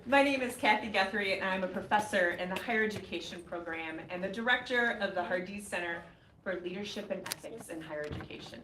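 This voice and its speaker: Woman giving a formal ceremony welcome. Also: mid-range voice. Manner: warm, measured address listing guests one by one. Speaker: professor and ceremony host. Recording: echoey hall, faint ambient noise.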